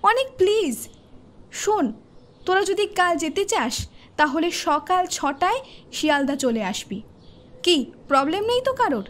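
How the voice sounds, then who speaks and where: A woman's voice: extremely high pitch, very animated, measured pace, pauses often, full character voice. An actress playing an uneasy young woman who has seen something strange, in an audio horror story. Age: young adult.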